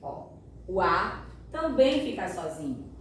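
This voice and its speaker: Slow-spoken woman teacher in an echoey room. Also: lowish voice, very animated. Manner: slow, patient, checks understanding often. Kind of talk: classroom grammar lesson. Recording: echoey room, far from mic, faint noise.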